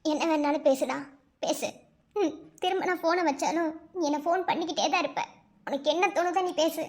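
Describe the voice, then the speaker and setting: A woman's voice: sits high, fairly quick. A woman voicing a hurt young woman in a cartoon, coldly brushing off her ex. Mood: dismissive. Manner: cold, dismissive.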